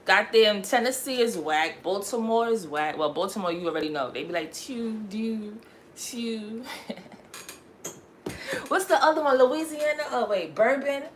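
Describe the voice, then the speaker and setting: A woman's voice: medium pitch, lively intonation, fairly quick, a little hiss or hum. A young woman raised in Connecticut, chatting casually on her livestream in a rambling, slangy way and laughing often. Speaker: livestream host.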